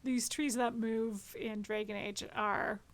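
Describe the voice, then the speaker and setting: A woman's voice: a little high, fairly even intonation, slow pace. A woman doing casual gameplay commentary as a streamer, chatty and joking, talking back to the characters. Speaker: game streamer.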